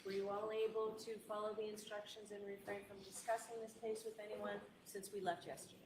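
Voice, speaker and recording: Woman, American accent, judge, formal courtroom instructions, mid pitch, loud background noise, echo. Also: little pitch movement, a little fast. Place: indoor courtroom. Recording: echoey courtroom, distant mic, loud noise.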